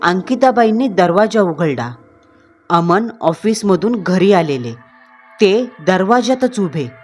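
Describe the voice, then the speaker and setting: A woman's voice: medium pitch, animated, slow pace. A woman narrates a horror story with dramatic, suspenseful delivery. Her voice sits in the middle of a woman's range, and faint music runs under the narration.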